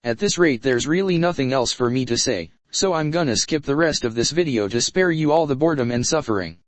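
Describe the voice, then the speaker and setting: A man with an expressive, mid-range voice speaks fairly quickly while hosting a commentary channel. He taunts the person in the clips he plays back, scornfully mocking and insulting them.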